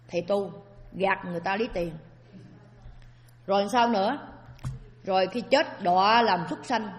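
A woman giving a Buddhist Dharma talk as a sermon, often asking her listeners rhetorical questions. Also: mid-range voice. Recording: long hall reverb.

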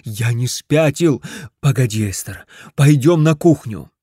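A man's voice: mid-range voice, expressive, a little slow, mellow, slightly rough, dry recording, studio quality. A man voicing a frantic middle-aged husband who runs a beach stand, pleading and whining in a desperate tone.

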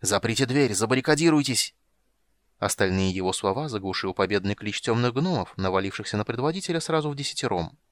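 A man narrating a fantasy audiobook in a brisk, dramatic reading. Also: lowish voice.

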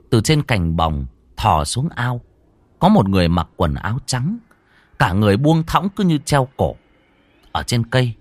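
A man's voice: fairly low pitch, no echo. A man narrating a horror story, acting out every character. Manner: animated, voices all characters.

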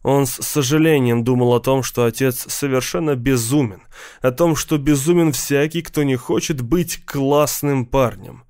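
Male audiobook narrator, measured, mid-pitched. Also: a little mellow, clear, resonant tone, dry recording, clean studio sound.

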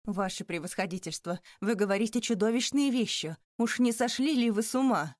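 A woman's voice: medium pitch, normal speed, warm tone, no echo, studio quality, close to an everyday voice. A woman doing a panicked banker. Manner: frantic, rising, exclaiming. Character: terrified older male banker, pleading.

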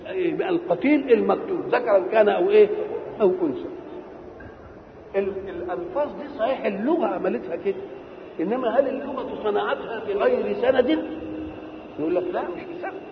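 Egyptian guy giving a quran lecture, high voice, asks questions and answers them, dull old recording with hall echo. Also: fast talker, noisy background. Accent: Egyptian Arabic. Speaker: Quran exegete.

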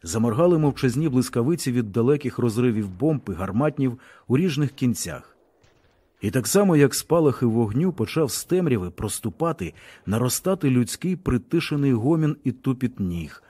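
A man reading a novel aloud as an audiobook, with expressive storytelling. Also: medium pitch, moderate pace, husky. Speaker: audiobook reader. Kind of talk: scripted narration of a novel.

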